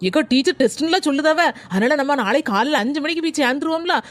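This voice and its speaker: A woman's voice: sits high, animated, fast, dry recording. A woman playing a busy mother in a family comedy skit, coaxing her children.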